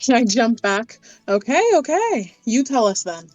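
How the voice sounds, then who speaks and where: A woman player speaks brashly and loudly in character, scornful and blunt. Her voice sounds dry and close. Faint music plays behind her. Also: on the high side, no room sound, poor audio. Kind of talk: in-character tabletop play.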